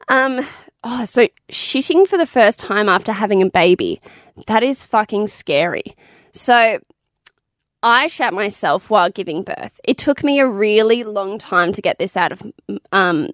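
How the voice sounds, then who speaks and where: A woman's voice: mid-range voice, no echo, clean studio sound. A young woman, a new mother, telling her birth stories in casual, frank talk, swearing freely and laughing now and then. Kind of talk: candid casual storytelling.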